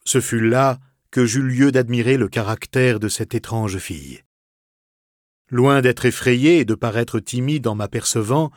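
A man reading a classic novel aloud as narrator, expressive and softly dramatic. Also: mid-range voice, dry recording, clean studio sound. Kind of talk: literary audiobook reading.

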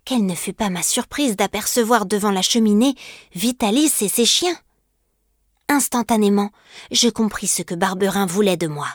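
A woman narrating a classic novel excerpt in a clear, steady storytelling voice. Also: mid-range voice, moderate pace, no room sound, studio quality. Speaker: audiobook narrator. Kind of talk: scripted narration.

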